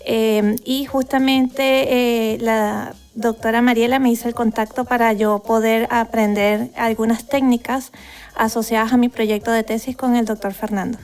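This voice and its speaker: Hesitant Venezuelan woman, slightly high. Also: level tone, unhurried, a little mellow. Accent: Venezuelan Spanish. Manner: hesitant, many fillers. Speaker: guest researcher. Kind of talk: podcast interview.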